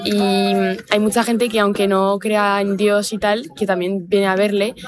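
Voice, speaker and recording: A woman's voice: mid-range voice, little pitch movement, unhurried. A young French woman, a student, answering a casual street interview outdoors, hesitant with many fillers. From France. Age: young adult. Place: outdoors by a library.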